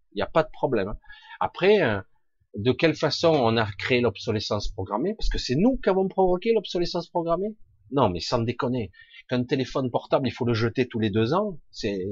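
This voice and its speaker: A man with a raspy, scratchy-throated voice delivers an opinionated, informal monologue. His intonation swings widely as he hammers his points with rhetorical questions and blunt slang. The sound is dull and lo-fi. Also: lowish voice, dry recording. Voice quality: husky, raspy. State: throat scratchy with occasional coughing. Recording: dull, lo-fi close recording.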